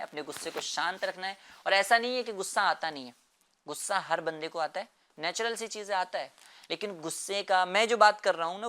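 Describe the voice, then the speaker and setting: A man's voice: high-pitched, sharp tone. A man explaining a moral lesson to children in an earnest way, repeating phrases and often checking with "right?".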